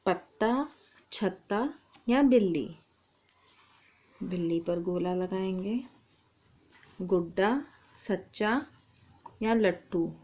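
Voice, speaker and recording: Slow, patient woman teaching children. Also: mid-range voice, darkish tone. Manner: slow, patient, spells out sounds. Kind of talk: children's Hindi lesson.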